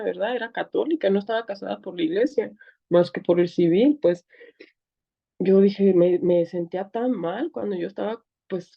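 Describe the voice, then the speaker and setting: A woman's voice: medium pitch, creaky, muffled recording. A woman with a Mexican accent, an interview guest giving an earnest, emotional personal testimony. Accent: Mexican Spanish. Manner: earnest, tearful at times, many fillers.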